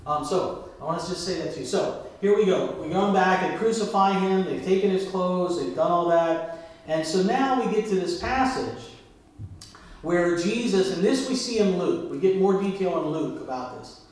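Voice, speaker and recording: A man's voice: high-pitched, normal speed, a little mellow, heavy reverb, low-quality recording. A man preaching a sermon to his church, talking conversationally and asking the congregation questions. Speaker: pastor.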